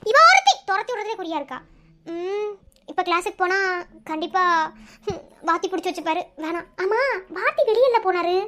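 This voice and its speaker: A woman's voice: very high voice, sing-song, a little fast, noisy background. A woman voicing a cheeky young college girl, the flippant, joking best friend in a cartoon love story. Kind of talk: Tamil cartoon voice acting.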